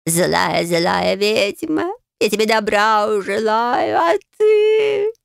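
A woman voicing a grumpy, sarcastic male cat familiar who drawls his mocking remarks in a gravelly voice. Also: medium pitch, very animated, very slow, dry recording, clean studio sound, voice pushed up, exaggerated voice. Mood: whining. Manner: mocking, exasperated.

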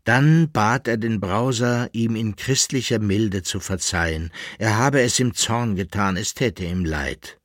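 Man, literary narration, calm, deliberate, very slow, dry close sound. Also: on the low side, no room sound. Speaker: audiobook reader.

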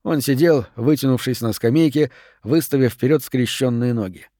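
A man narrates a novel with an even, measured reading at a middle pitch. The recording is dry and close, with no room sound. His pacing is steady and unhurried throughout. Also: no room sound. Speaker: audiobook narrator. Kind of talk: scripted narration.

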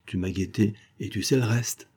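A man's voice: lowish voice, moderate pace, mellow, husky. A man voicing a cocky young male street sleuth who taunts his captive. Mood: taunting. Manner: taunting, teasing.

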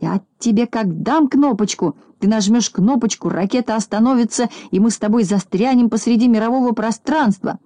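A woman's voice: fairly high pitch, normal speed, few pauses, no echo, pitched above the performer's own voice, close to an everyday voice. A woman voicing a bossy, hot-tempered little boy. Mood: scolding. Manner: bossy, scolding, easily excited. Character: boastful, quick-tempered little boy shorty.

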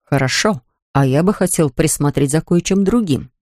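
A man reading an audiobook, voicing an amorous, indulgent young man in a lowered, murmuring voice, in a dry studio. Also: expressive, normal speed, a little mellow, dry recording, natural voice.

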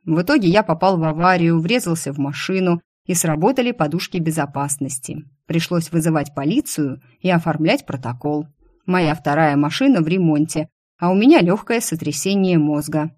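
A woman reading an audiobook, voicing a male boss who teases and mocks, sometimes shouting. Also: fairly high pitch, expressive, moderate pace. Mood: mocking. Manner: mocking, playfully teasing, bursts into yelling. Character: teasing, mocking male boss, quick to shout.

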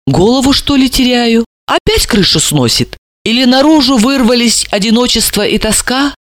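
Гордая, язвительная молодая женщина, её изображает мужчина-чтец. Говорит с вызовом и насмешкой, интонации очень живые. Запись сухая, без эха, как в аудиокниге. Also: male voice, very high-pitched, expressive, moderate pace, a bit bright, dry recording, pitched above the performer's own voice. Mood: defiant. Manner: defiant, mocking. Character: proud, sharp-tongued young woman. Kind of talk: audiobook character reading.

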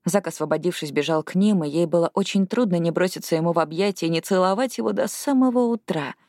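A woman narrating an audiobook, reading in an expressive way that rises with the action. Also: fairly low pitch, fast, no echo, studio quality. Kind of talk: scripted narration.

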